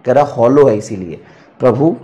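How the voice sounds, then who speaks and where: A man's voice: medium pitch, animated, moderate pace, mellow, dull audio. A man teaching physics in an online lecture, teasing students with mocking, sarcastic remarks.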